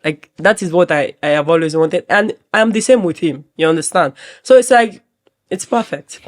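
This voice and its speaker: A woman's voice: on the low side, normal speed. A woman with a Nigerian accent, a model chatting as a podcast guest, laughing often and slipping into Pidgin. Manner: laughing, animated, mixes in Pidgin. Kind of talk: casual interview.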